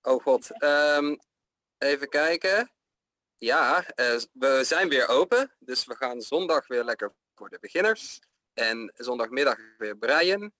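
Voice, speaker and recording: A man's voice: mid-range voice, animated, slow, pushed and bright, no room sound. A man giving pronunciation feedback in casual chat, hesitant and full of fillers. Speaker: pronunciation coach.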